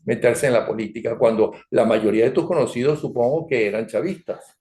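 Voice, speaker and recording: Older Venezuelan host in a roomy room. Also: male voice, mid-range voice, a little fast, mellow. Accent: Venezuelan Spanish. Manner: digressive, leading questions, frequent "¿ok?" and "¿no?" tags. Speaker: interview host. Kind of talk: conversational interview. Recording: roomy echo.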